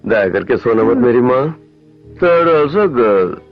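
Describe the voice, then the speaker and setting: A man's voice: medium pitch, lively intonation, slow, faint music behind. An actor dubbing a young man in love, coaxing and then shrilly pleading, on a dull film soundtrack. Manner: coaxing, later squealing in panic. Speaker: young lover in a dubbed film.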